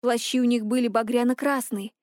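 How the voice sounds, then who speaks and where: A woman narrating a story in an even storytelling read. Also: on the high side, brisk, dry recording, clean studio sound. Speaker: audiobook narrator. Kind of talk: scripted narration.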